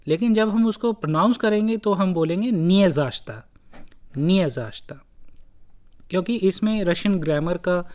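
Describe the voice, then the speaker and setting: A lecturer giving a recorded lesson, speaking deliberately in short broken phrases and repeating key words. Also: medium pitch, darkish tone. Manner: slow, deliberate, breaks phrases into short pieces. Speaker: language lecturer.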